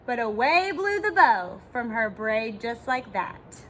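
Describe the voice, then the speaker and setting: A woman teacher reading a rhyming picture book aloud to children, expressive and pausing to ask her listeners questions. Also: a little high, noisy background.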